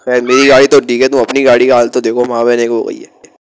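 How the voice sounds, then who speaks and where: A man's voice: mid-range voice, flat delivery, fast, smooth, lightly acted. A man voicing a cocky, mocking male rival in an amateur game dub. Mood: sheepish. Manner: boastful, mocking.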